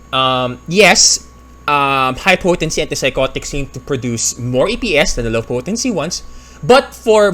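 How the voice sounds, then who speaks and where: A Filipino man who works as a pharmacist reacts to a video with casual explanatory commentary, thinking aloud and correcting himself as he goes. His voice sits on the high side and sounds a bit bright.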